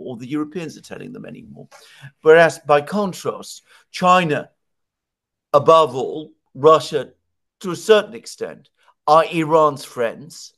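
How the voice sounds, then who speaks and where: A political commentator in his sixties offers conversational news analysis, explaining emphatically and setting up points with rhetorical questions. His middle-pitched voice is a bit bright. He's on a video call with a headset from a home study lined with bookshelves.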